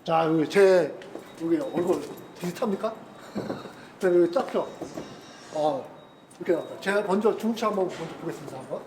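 Chatty high-pitched man showing car kits. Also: animated, normal speed, background noise. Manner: chatty, exclaiming, grumbles at carmakers. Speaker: car channel host. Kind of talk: casual hands-on car demonstration. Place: outdoors in a parking lot beside cars.

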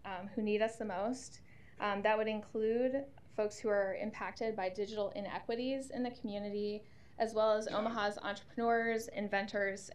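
Earnest woman testifying at a council podium. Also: mid-range voice. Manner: steady, earnest advocacy. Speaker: nonprofit CEO testifying. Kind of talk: reading a prepared statement. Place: council chamber. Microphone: podium microphone.

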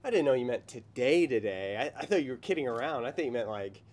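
A man's voice: mid-range voice, expressive, quick pace, darkish tone, close to an everyday voice. A man in his thirties playing an evasive, broke tenant in a comedy sketch, stammering and rambling placatingly. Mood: sheepish stalling. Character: evasive, broke young male tenant making flimsy excuses. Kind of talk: comedy sketch acting in a parody trailer. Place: outdoors by a garden door.

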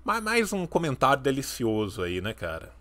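A man's voice: mid-range voice, wildly swooping pitch, moderate pace, fairly bright tone. A Brazilian man in his thirties hosting a live reaction stream. He talks playfully and stresses his points with ironic asides, and his voice bounces up and down.

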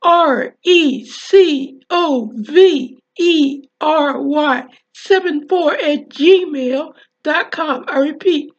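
A woman author reading her childhood story, then giving a presentation in a slow, deliberate way, spelling words out. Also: high voice. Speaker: author and speaker. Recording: dull lo-fi recording.

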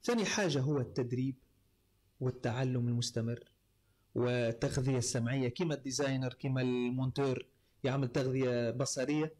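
In a casual interview, a Tunisian-accented voice-over artist breaks down his craft point by point, leaning on plenty of fillers. He speaks fast in a mid-range, slightly mellow voice.

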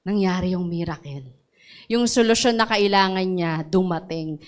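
A woman's voice: fairly high pitch, clear, resonant tone. A woman pastor with a Filipino accent preaching a sermon, calling out to the congregation and getting emotional over scripture. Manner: mixes English into sermon, asks congregation for responses; emotional when reciting scripture.

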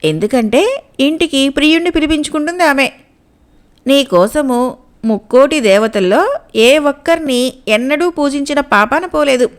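A woman voicing a young, sharp-tongued sea maiden in a storybook reading, speaking calmly as she tells plain truths. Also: high voice, moderate pace. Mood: knowing, scornful.

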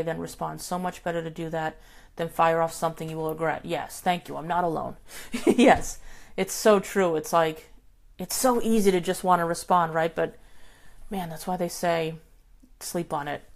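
A middle-aged woman hosts a relaxed live talk and answers viewer comments as they come in. She sits a little low in pitch for a woman and speaks in a loose, friendly way, full of ums and restarts. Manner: chatty and relaxed, with frequent fillers and restarts. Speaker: host.

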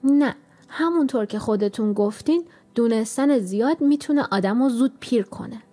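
A woman voicing a timid, polite young girl in a storybook, speaking gently. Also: on the high side, faint music behind, lightly acted.

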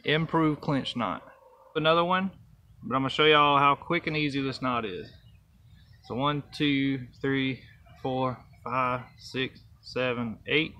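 Outdoors near trees and a truck, a young fishing channel host casually demonstrates a knot, counting each step aloud. His mid-range voice is bright and forceful with fairly even intonation and a slightly slow pace, picked up by a camera held close to his face.

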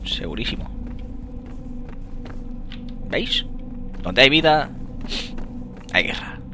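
A young man with a Spain Spanish accent giving let's play commentary, excitable, swearing and yelling at enemies as he plays. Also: mid-range voice, extremely slow, noisy background. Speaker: gamer.

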